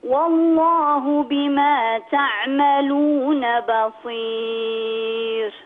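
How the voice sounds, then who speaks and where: A woman calling in from Germany, reciting scripture with measured, careful chanting. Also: high voice. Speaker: caller. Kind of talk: slow Quran recitation. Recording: tinny phone line, faint music.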